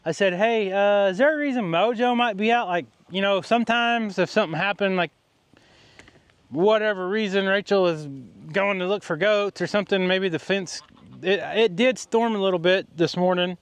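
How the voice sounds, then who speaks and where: High-voiced farmer talking casually. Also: male voice, moderate pace, clean tone, no echo. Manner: easygoing rural talk, calling animals in a high coaxing voice. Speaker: farmer and channel host. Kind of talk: casual farm vlog narration. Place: outdoors on a farm. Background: goats, sheep and chickens.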